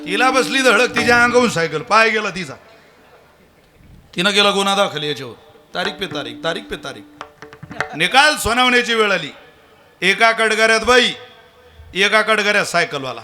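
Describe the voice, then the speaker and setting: A man's voice: high voice, moderate pace, pauses often, faint music behind. A man giving a devotional kirtan sermon with a Marathi accent, telling stories and acting out characters' lines for the audience. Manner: storytelling with lively voiced characters and questions to the audience. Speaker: kirtan preacher.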